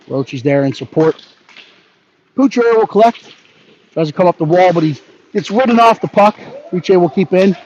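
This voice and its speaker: A man giving brisk live hockey play-by-play, narrating each pass and leaning toward the home team. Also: sits high, lively intonation, a little mellow. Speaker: play-by-play announcer. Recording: dull lo-fi audio with faint background noise.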